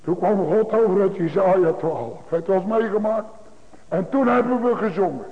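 Speaking at a moderate pace in a high voice, a male pastor drives his message home to the congregation through emphatic repetition. The recording has a thin, phone-like quality and echoes through a large church.

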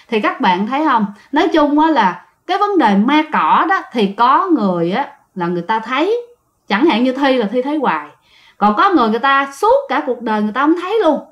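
A woman telling a true ghost story casually, talking straight to her listeners. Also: a little high. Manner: chatty, addresses listeners directly. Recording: dull lo-fi sound.

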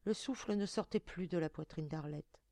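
A woman narrating a folk tale in a measured, expressive reading voice. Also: lowish voice, no echo. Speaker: audiobook reader.

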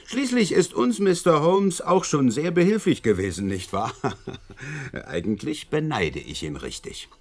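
A man's voice: fairly high pitch, big pitch swings, measured pace, heavily acted. An actor in a German radio drama playing Inspector Lestrade, a courteous, wordy and faintly envious policeman with a confiding manner. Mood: obliging.

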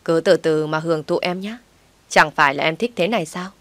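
A woman's voice: deep voice, fairly quick, no echo. A woman voicing a furious, vengeful wealthy wife who barks orders. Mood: cruelly mocking. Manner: domineering, shouting orders.

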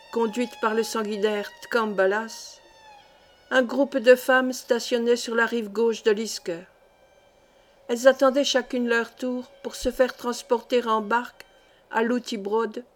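Woman, audiobook reader, literary narration, measured, fairly high pitch.

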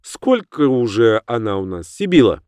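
A man's voice: mid-range voice, very animated, moderate pace, a little mellow, clean tone, no echo, clean studio sound, close to an everyday voice. A man reading an audiobook, voicing a flustered, forgetful older woman who talks hesitantly. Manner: fretful, hesitant.

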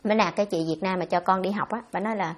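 Fast, blunt nun. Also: female voice, mid-range voice, fairly even intonation. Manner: blunt, scolding, fast-talking. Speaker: Buddhist nun answering questions. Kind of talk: dharma talk Q&A.

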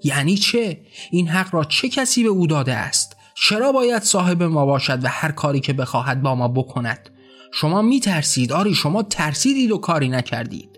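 A man voicing an angry young laborer who shouts furious questions in an audiobook drama. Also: on the high side, expressive, faint music behind. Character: angry young male laborer, defiant rebel.

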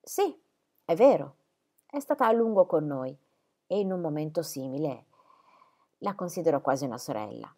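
A woman's voice: deep voice, animated, normal speed, pauses often. A woman reading as an earnest shy young man. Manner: earnest, gentle. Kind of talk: audiobook character reading.

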